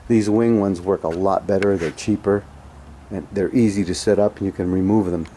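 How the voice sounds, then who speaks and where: A man giving a casual spoken product review outdoors on a driveway, halting with many fillers and restarts, blunt in his opinions. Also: sits low, fairly even intonation, mellow, a little hiss or hum.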